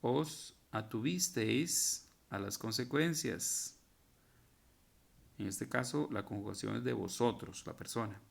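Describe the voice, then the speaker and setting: A male teacher talks slowly through a grammar worksheet, leaving pauses between verb forms. His voice has a gravelly texture. He stops now and then to correct mistakes and misprints before moving on. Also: mid-range voice. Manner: patient, spells out verb forms one by one; corrects himself and points out typos. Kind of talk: recorded grammar lesson.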